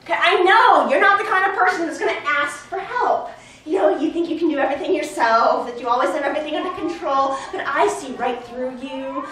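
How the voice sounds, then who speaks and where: Recorded from afar on an echoey theater stage through a far room mic, an actress speaks in an extremely high, slightly bright voice. She plays an overeager, clingy young woman friend in a stage play who gushes, laughs nervously and talks over the others.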